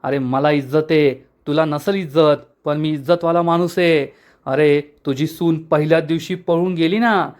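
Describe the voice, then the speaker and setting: A man's voice: fairly high pitch, fairly even intonation, normal speed, darkish tone, natural voice. A spiteful village rival who jeers and gloats over his enemy's misfortune, as a recap narrator puts him on. He sounds mocking and pompous, like a figure from a TV serial. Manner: mocking, jeering.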